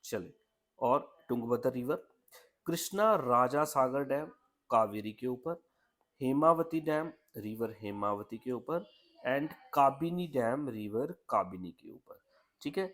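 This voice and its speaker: Man, exam coach, chatty, repetitive, medium pitch. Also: expressive, slow, a bit bright. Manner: chatty, repeats "ठीक है" often. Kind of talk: Hindi-English mnemonic lesson.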